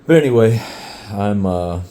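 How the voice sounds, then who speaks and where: This middle-aged man, a hiker who vlogs, talks about his hike out on a trail, sounding winded while keeping things casual and laid-back with plenty of fillers. His voice is on the low side, expressive and mellow, at a measured pace. A little hiss or hum can be heard.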